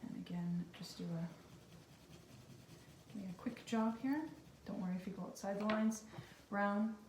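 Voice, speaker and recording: A woman's voice: mid-range voice, fairly even intonation, normal speed. A woman teacher giving a casual craft lesson to young children, with simple, reassuring step-by-step instructions. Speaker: kindergarten teacher. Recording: echoey room, distant mic, faint noise.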